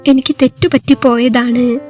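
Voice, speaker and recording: Caring young wife in a storybook, read by a woman, gently worried, higher voice, little melody. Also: flat delivery, normal speed, faint music behind, lightly acted. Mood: concerned.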